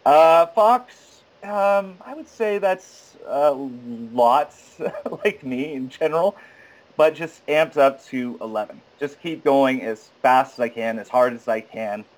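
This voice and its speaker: A man in his thirties, an actor chatting as an interview guest, animated, laughing often and slipping into voices. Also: medium pitch, slow pace, rough recording. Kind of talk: casual interview chat.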